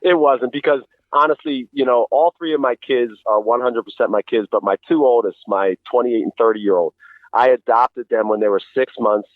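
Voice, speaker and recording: A man's voice: mid-range voice, normal speed, no room sound. Middle-aged man, thin phone-like radio sound. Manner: earnest, explanatory, uses rhetorical questions. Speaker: interview guest. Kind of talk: conversational motivational relationship advice.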